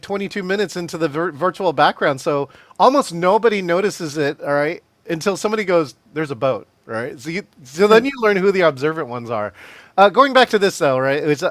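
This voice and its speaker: A man with a fairly high voice hosts a live online training session. He talks energetically, chuckles often and calls on participants by name. His sound is close and dry, coming through a video call. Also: normal speed, dry recording. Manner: energetic, laughs often, addresses attendees by name. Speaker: virtual meeting trainer. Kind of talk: live webinar presentation.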